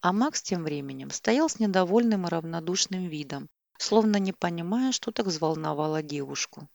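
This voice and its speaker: Low-voiced woman reading a story. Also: animated, moderate pace, gravelly, a little mellow, no echo, clean studio sound. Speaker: audiobook reader. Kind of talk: scripted narration.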